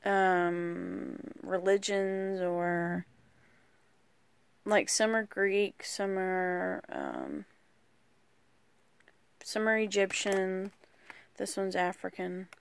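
A woman casually walking through a deck of oracle cards, rambling and hesitant with lots of pauses. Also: medium pitch, animated, creaky, clean tone, no room sound. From rural United States. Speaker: vlogger. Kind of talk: casual card walkthrough.

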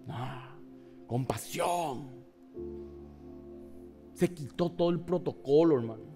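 A man preaching a passionate sermon, shifting between loud cries and hushed asides and acting out the people in his story. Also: fairly high pitch, slow pace, over music. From Paraguay. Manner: acts out voices of the people in the story. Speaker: pastor.

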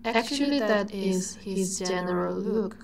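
A woman giving scripted narration in a slow, dreamy way that sometimes drops to a whisper. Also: mid-range voice, vocal fry, a little hiss or hum, poor audio.

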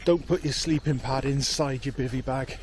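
Relaxed man vlogging outdoors. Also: moderate pace, slight background noise. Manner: relaxed, low-key, talking to camera. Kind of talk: casual solo camping vlog. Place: tarp shelter in a field at night, then walking outdoors. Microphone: handheld camera close up.

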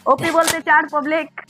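A man, giving loud, excited commentary on his own gameplay as a channel host and calling out to his opponent. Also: extremely high pitch. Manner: loud, exclamatory, bossing his opponent around.

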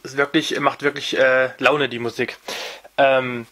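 A man's voice: medium pitch, level tone, unhurried, a bit bright, slight background noise. A young man hosting a casual record review, talking off camera with many fillers and restarts. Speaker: vinyl review channel host.

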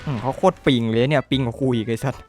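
A young man giving profane, excitable commentary over his own gameplay, swearing constantly and shouting at the game. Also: mid-range voice, very fast. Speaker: gaming YouTuber.

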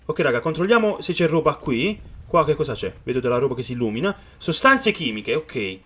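A man giving excited let's-play commentary on a video game, reading the game's dialogue aloud and talking straight to his viewers. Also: on the high side, brisk, slightly rough. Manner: excited, calls viewers "raga" often. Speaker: gaming youtuber.

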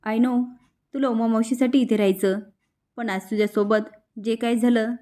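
A woman reading a remorseful gentle father. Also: a little high, steady tone, moderate pace, close to an everyday voice. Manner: apologetic, soft. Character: remorseful father apologising to his daughter, gentle.

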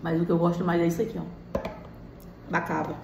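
A Brazilian woman in her thirties, a mukbang vlogger, eats at home and tosses short, casual remarks to her viewers. Her voice is lowish, gravelly and fairly flat in pitch, and she talks fast. The small indoor room gives a roomy echo, with faint noise in the background.

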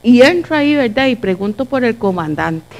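Woman, Costa Rican accent, middle-aged, church testimony, animated storytelling, acts out dialogue. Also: fairly high pitch, moderate pace, vocal fry. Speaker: church speaker.

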